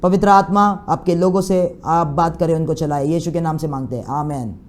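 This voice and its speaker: A man's voice: fairly high pitch, steady tone, moderate pace. A man preaching a sermon and leading prayer, fervent, with frequent hallelujahs and passages of speaking in tongues. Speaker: pastor.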